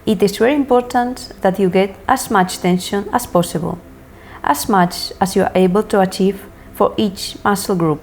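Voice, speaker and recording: A woman instructor reading scripted lesson narration in a measured, deliberate way, setting out each step separately. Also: medium pitch, darkish tone, a little hiss or hum. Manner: measured, deliberate, enunciating list items one by one. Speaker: hypnosis course instructor.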